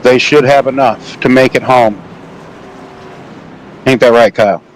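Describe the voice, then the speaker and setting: A man's voice: mid-range voice, fairly even intonation, a little slow, rough recording. A man giving casual play-by-play commentary on a simulated truck race, rambling and self-deprecating with jokey asides. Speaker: sim racing commentator. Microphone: home microphone, online call.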